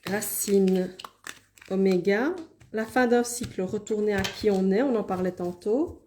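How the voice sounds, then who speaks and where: Woman, Liège accent, live-stream card reader; warm, mellow tone, chatty and self-deprecating, drifts off-mic now and then. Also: medium pitch, measured pace, a little hiss or hum. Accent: Liège Belgian French. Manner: chatty, apologetic asides, reads viewer comments aloud.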